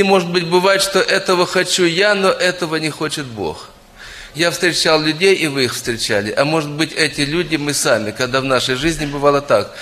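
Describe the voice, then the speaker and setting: A man's voice: a little high, bright, forceful tone. A middle-aged man preaching a sermon, earnestly addressing the congregation as friends. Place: church hall. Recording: long hall reverb.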